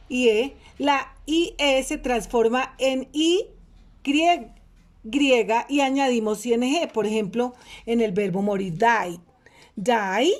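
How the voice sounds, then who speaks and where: A woman teacher with a Colombian Spanish accent, explaining a lesson slowly and spelling out letters one by one. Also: on the high side, darkish tone. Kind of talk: recorded lesson feedback.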